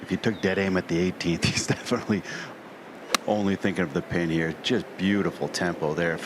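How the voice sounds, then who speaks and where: A man with a deep voice gives live on-course golf commentary. His remarks are terse and informal, describing each shot. The outdoor broadcast has clear noise behind him. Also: fairly even intonation, brisk.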